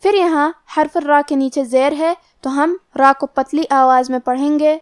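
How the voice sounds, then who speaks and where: A woman's voice: high-pitched, steady tone, no echo, studio quality. A woman teaching Quran recitation, methodically explaining the pronunciation rule for each letter step by step. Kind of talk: tajweed lesson, explaining pronunciation rules.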